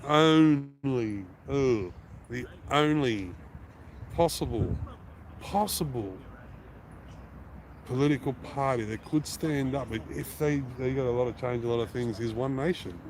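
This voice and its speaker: A man's voice: medium pitch, darkish tone, slight background noise. A man with an Australian accent chatting on a casual live stream, blunt and heavy on swearing, rambling with restarts. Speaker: livestreaming auditor.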